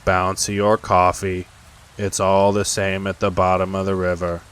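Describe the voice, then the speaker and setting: A man voicing a gloomy, sarcastic old male donkey who talks slowly and flatly. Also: sits low, clean tone. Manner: slow, flat and glum.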